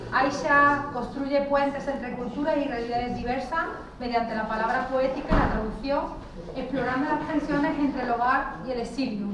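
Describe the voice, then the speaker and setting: High-voiced moderator in an echoey hall. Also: female voice, noisy background. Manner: brisk, with frequent tag questions. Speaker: event moderator. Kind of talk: moderating and introducing speakers. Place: large hall. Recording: echoey hall, distant mic.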